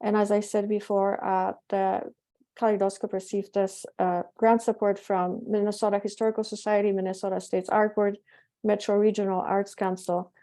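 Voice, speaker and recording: A middle-aged woman with a Polish accent gives a lecture presentation in a warm, mellow voice. Her pitch sits in a normal middle range. She speaks haltingly, often restarting and correcting herself. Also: little pitch movement. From Poland. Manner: halting, with frequent self-corrections and fillers. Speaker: presenter, physician and project curator.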